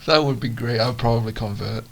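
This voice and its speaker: A man's voice: mid-range voice, fairly quick, gravelly, a little hiss or hum. A man joking in casual podcast chat. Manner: joking, loose. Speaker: podcast co-host.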